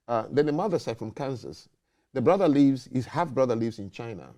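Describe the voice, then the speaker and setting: A man's voice: medium pitch, animated, a little fast, warm tone. A man hosting a talk show, making emphatic points and checking in with "okay?" and "you know". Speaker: host. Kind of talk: casual debate talk.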